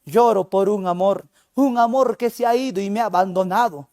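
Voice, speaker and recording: A male teacher voicing a sad young Inca princess who speaks softly and mournfully, afraid of her father. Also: high-pitched, moderate pace, no echo, studio quality. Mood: sorrowful.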